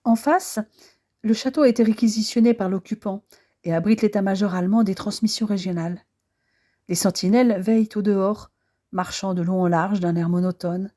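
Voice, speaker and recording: Mellow-voiced woman narrating an audiobook. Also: mid-range voice, steady tone, normal speed. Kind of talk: first-person audiobook narration.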